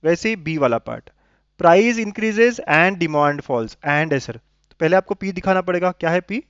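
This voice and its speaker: A man's voice: a little high, lively intonation, measured pace, fairly bright tone, smooth, no room sound. A man teaching a maths lesson to students, explaining step by step and checking often that they follow. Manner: coaxing, keeps checking understanding with tag questions. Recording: dull lo-fi sound, dry.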